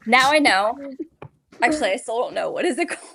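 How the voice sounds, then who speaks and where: Giggly woman co-host, kinda high voice, pokes fun at herself. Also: animated, a little fast, vocal fry, sharp tone, husky. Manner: giggly, self-deprecating. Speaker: podcast co-host. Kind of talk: casual chat about music.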